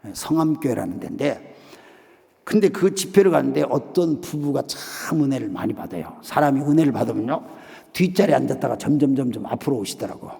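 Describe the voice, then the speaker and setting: A man's voice: mid-range voice, animated, brisk, creaky, dark tone. A male missionary preacher telling a story in a revival meeting sermon, acting out the voices he quotes. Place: church sanctuary. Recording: long hall reverb of a church sanctuary.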